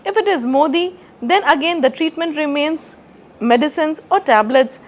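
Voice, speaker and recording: A middle-aged woman doctor from India, giving a clear, prepared talk as a consultant endocrinologist. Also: high-pitched, moderate pace. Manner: clear, explanatory lecturing.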